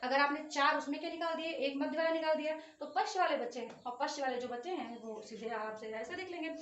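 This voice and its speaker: A woman teaches an exam-prep grammar lesson in a high voice. She pronounces each sound aloud, draws out the long vowels and keeps asking whether her students follow. She sits a little back from the mic in an echoey room. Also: quick pace, a bit bright, recorded from a distance, dull audio. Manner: drills vowel sounds aloud, stretching long ones, with frequent "ठीक है" check-ins.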